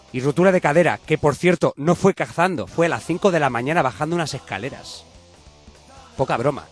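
A man's voice: a little high, fairly bright tone. A man co-hosting a comedy show, gossipy, campy and theatrical. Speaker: co-host. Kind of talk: comedic radio banter.

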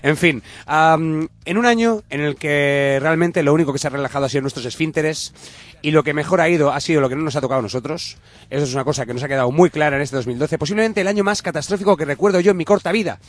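Ironic higher-voiced radio host. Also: male voice, quick pace. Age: 30s. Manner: theatrical, ironic, rambling. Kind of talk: comedic radio chat.

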